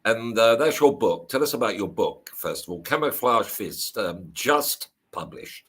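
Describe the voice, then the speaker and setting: Older man, host, lowish voice, relaxed, chatty with fillers, video call. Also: unhurried, slightly rough. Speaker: show host. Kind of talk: hosting a video call interview.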